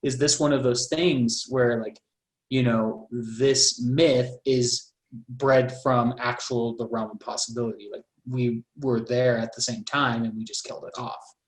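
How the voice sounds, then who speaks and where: A man musing aloud in a loose podcast chat, full of filler words and the odd curse. His voice sits at a middle pitch and rings with the echo of a bare room over a video call. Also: steady tone, unhurried. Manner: rambling, many "like" fillers, swears. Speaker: podcast co-host. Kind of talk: casual chat.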